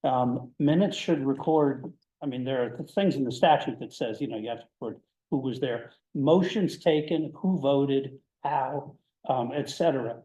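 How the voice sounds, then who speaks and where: A man's voice: medium pitch, normal speed, warm tone. Plainspoken man in an echoey meeting room. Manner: plainspoken, old-school, blunt. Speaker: board member. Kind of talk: town meeting discussion.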